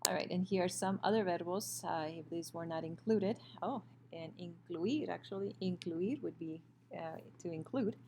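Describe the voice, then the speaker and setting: Over a screen share, a Spanish teacher with a low, gravelly, darkish voice walks through a recorded grammar lesson. Her explanations are patient, often pausing on fillers and self-corrections, while a faint hum runs under the computer-mic recording.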